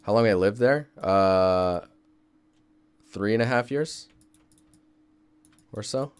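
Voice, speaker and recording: This Seattle, US, game environment artist is young and takes things slowly in a lowish, clear, resonant voice with no echo. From his desk he runs a relaxed live-stream tutorial, musing aloud and replying to viewers in chat.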